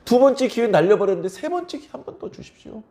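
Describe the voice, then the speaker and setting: A man's voice: very high voice, sing-song, fast, mellow, voice pushed up, heavily acted. A male pastor voicing a prophet pleading with God in a desperate prayer.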